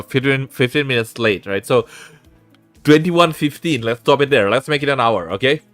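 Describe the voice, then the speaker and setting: On a live stream, a young VTuber with an Indonesian accent chats casually, laughing often, swearing, and restarting words. His mid-range voice is a bit bright, with no echo.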